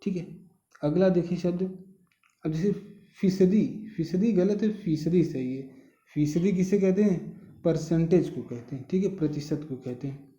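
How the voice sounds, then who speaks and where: A man's voice: on the high side, warm tone. A man teaching a spelling lesson, patient and repetitive, stretching out the words he corrects. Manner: patient, repeats words slowly and often says "thik hai". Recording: muffled roomy recording.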